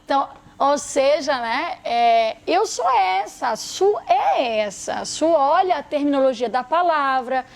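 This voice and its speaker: A woman's voice: sits high, animated, unhurried, gravelly, few pauses. A woman, a guest therapist talking expressively and emphatically in a podcast conversation.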